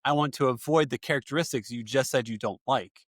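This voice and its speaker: A man's voice: medium pitch, fairly quick, no echo, studio quality. A man from the American Midwest hosting a casual podcast, talking earnestly and chatting as a father. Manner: earnest, chatty, agreeing often.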